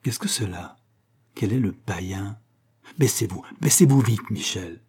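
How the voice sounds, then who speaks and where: A man's voice: on the low side, expressive, a little slow, a little mellow, slightly rough, heavily acted. A man reading aloud, voicing a proud, poor young captain in an impassioned, declamatory way. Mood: urgent.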